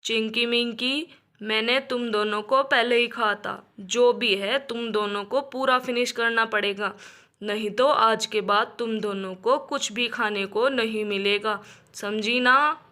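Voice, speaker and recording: A woman's voice: a little high, steady tone, unhurried, pushed and bright, voice pushed down. A woman voicing a strict father who lectures his daughters in a doll story. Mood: stern. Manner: lecturing, firm.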